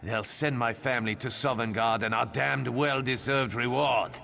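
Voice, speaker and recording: An actor voicing the gruff, cursing ghost of a murdered old farmer in a fantasy video game, with a gravelly voice. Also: male voice, medium pitch, normal speed, pushed and bright. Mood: bitter, urgent.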